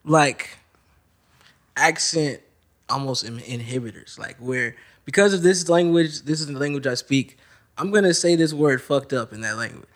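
A man in casual chat, lively and quick to laugh. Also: mid-range voice.

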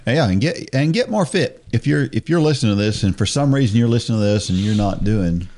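A man co-hosting a podcast in easygoing casual chat, agreeable and quick to say yeah. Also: lowish voice, animated, warm tone. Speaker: podcast co-host.

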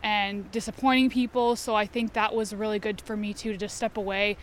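A young adult woman from Albania, chatting casually as an interview guest with frequent fillers and quick bursts. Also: mid-range voice, flat delivery.

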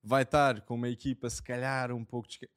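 A man co-hosting a casual sports podcast, talking lively and laughing often. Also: mid-range voice, fast, smooth. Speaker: podcast co-host.

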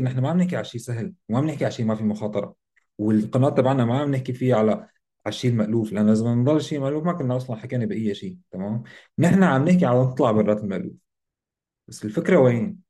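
A man with a Levantine Arabic accent and a mellow, mid-range voice co-hosts a casual discussion, explaining ideas and frequently checking in with short tag questions.

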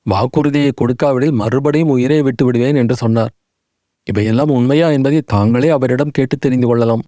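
A dignified old minister full of remorse, as a man reads him. He pleads humbly in a dark, mellow voice. The recording is close and dry. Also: mid-range voice, fairly quick, no room sound, natural voice. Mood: remorseful.

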